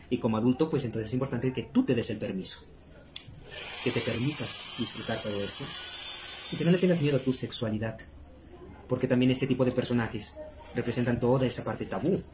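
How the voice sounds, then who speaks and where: A man's voice: medium pitch, a little fast, darkish tone, rough recording. A middle-aged man, hosting a video and explaining things casually to viewers. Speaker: video host. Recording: clear background noise.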